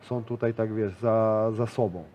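This grappler in his thirties speaks in a lowish, steady, unhurried voice, and the audio sounds dull. As an interview guest in a small studio with a decorated wall, he talks casually and rambles, full of fillers and false starts.

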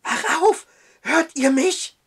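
A man voicing a frantic, terrified young male clerk who pleads urgently in a high, strained voice. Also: expressive, unhurried. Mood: panicked.

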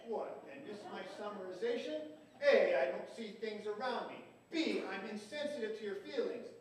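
An actor plays a sarcastic husband who needles his wife in a dry tone and a very high voice. He is heard from far off in an echoing theater. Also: normal speed, a little hiss or hum, close to an everyday voice. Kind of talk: live stage comedy acting. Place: community theater stage. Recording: echoey hall from far off.

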